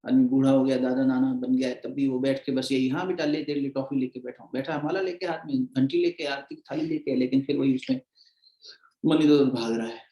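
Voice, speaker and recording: A man acting as a spiritual teacher in a conversational devotional discourse, chanting verses slowly between explanations. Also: mid-range voice, steady tone, echoey room, lo-fi sound.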